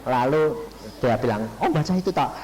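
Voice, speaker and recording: A man's voice: mid-range voice, moderate pace, a little hiss or hum, low-quality recording. A middle-aged man with a Javanese accent, an evangelist preaching a sermon who tells stories and acts out conversations while addressing his listeners directly. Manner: animated storytelling, acts out dialogues, addresses audience as "saudara".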